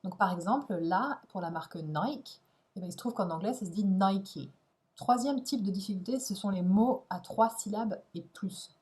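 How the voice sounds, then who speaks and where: A woman giving an instructional video lesson as an English teacher, speaking clearly and stressing key words in an encouraging way. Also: medium pitch, fairly quick, hardly any pauses, darkish tone.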